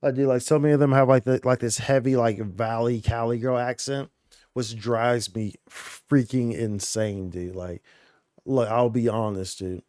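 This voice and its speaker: A man's voice: medium pitch, steady tone, moderate pace, a little mellow, no echo. A male streamer talking loosely over his game, rambling and slangy with constant fillers. He has a mid-range voice and sounds dry and close, with no room around him. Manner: rambling, slangy, full of "dude" and "like". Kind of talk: casual chat over gameplay.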